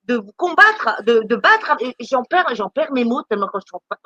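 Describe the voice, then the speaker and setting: Woman, high and bright, indignant live-stream rant, stammers and repeats herself. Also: sing-song, normal speed, no echo, dull audio. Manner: indignant, scolding. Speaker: charity volunteer speaking on a live stream.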